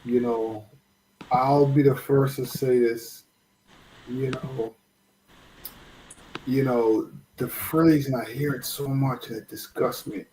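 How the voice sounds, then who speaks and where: A man's voice: medium pitch, fairly even intonation, takes it slowly, long pauses, dark tone, slight background noise, poor audio. Earnest rambling American man. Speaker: guest. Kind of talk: casual discussion.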